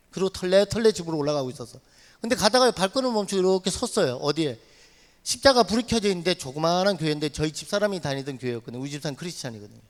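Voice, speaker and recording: Fast, animated man preaching testimony. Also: high voice. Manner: animated storyteller, acts out shouts and dialogue. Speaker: missionary giving testimony. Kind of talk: dramatic testimony sermon. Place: church sanctuary. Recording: long hall reverb in church.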